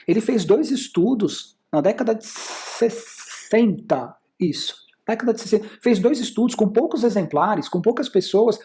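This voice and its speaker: This communication and sales instructor has a medium-pitched, somewhat dark voice and a Brazilian Portuguese accent. Lecturing over slides, they walk through points and raise rhetorical questions only to answer them.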